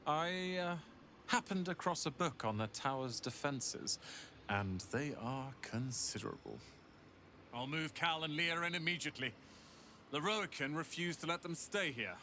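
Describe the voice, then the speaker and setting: A man's voice: fairly high pitch, lively intonation, measured pace, pushed and bright, a little hiss or hum. An actor playing a bitter, proud young male tiefling wizard in a video game, clipped and resentful.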